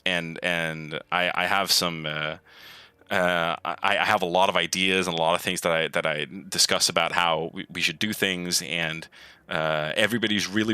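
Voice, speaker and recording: A man's voice: low voice, sharp tone, smooth, dry recording. A man being interviewed about his work as a game programmer, talking casually and enthusiastically with many restarts and repeated words. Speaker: lead gameplay programmer, guest.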